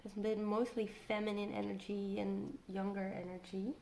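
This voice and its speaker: Woman doing a casual tarot reading, thinking out loud and trailing off, roomy echo w some bg noise. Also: mid-range voice, level tone, moderate pace, creaky. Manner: musing, thinking aloud, trailing off and repeating phrases. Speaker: tarot card reader.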